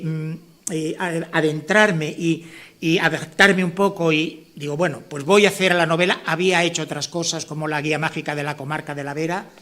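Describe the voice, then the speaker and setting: Male author from La Mancha, fairly high voice, loose rambling delivery full of restarts and tag questions. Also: sharp tone. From La Mancha, Spain. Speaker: author presenting his novel. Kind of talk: informal speech at a book presentation.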